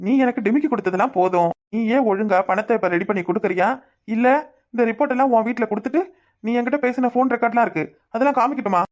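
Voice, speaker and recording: A woman's voice: a little high, racing, a little mellow, close to an everyday voice. A woman voicing a cocky young male blackmailer in a cartoon, with a Kanyakumari Tamil accent and a taunting, menacing way of talking. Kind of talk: cartoon voice acting.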